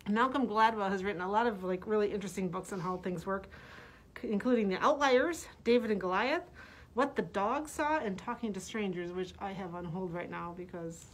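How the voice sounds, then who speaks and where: In a library room lined with bookshelves, a middle-aged woman works as a librarian presenting books, reading blurbs with casual asides. Her voice is medium-pitched and a little fast, slightly muffled by a face mask.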